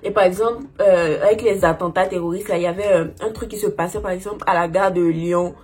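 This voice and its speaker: A young woman telling a personal story in a casual, chatty way, full of fillers, with a husky voice. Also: lowish voice, steady tone, quick pace, a little mellow. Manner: chatty, lots of "genre" and "en fait" fillers.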